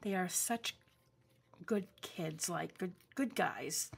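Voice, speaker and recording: Her lowish, gravelly voice moves slowly as this forty-something New England craft vlogger chats through a craft-along at home, wandering into warm asides with many ums. An overhead camera frames only her hands. A little hiss or hum can be heard.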